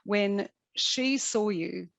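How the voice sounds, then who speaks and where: A woman's voice: medium pitch, extremely slow, creaky, no room sound. A woman hosting an interview, asking chatty, loosely worded questions. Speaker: interview host.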